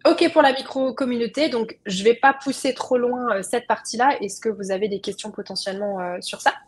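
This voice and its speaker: A woman's voice: on the high side, brisk, slightly rough. A young woman presenting a webinar as a trainer, explaining in a conversational way and speaking straight to her audience over a video call.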